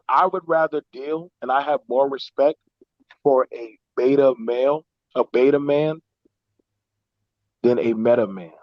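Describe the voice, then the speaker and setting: A man shares opinions in casual talk, repeating phrases deliberately to drive them home. His pitch is average, and the recording is close and dry but a little dull. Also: no room sound. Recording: slightly dull, dry online audio.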